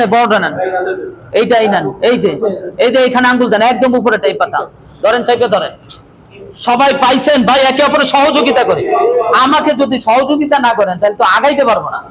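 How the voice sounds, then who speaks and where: A man teaching a Quran reading class, loudly firing questions at his students. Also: extremely high pitch, poor audio. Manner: loud, drilling questions at the class, often calling out. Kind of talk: classroom lesson.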